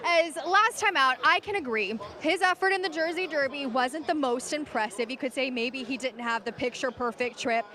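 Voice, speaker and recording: Woman, racing analyst, high voice, bright forceful tone, live preview commentary. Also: moderate pace, few pauses.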